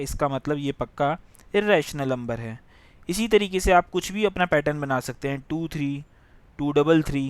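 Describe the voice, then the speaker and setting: A man's voice: on the high side, no echo. A young man teaching a math lesson, explaining step by step in a mix and checking that students follow. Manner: explains step by step, often asks if it is clear.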